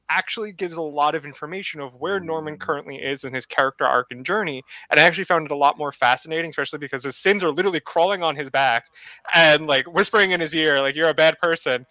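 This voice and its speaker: Bright, hesitant man talking comics. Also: a little high, quick pace, no room sound, muffled recording. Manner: rambling with many fillers. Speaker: podcast co-host. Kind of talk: casual chat about comics.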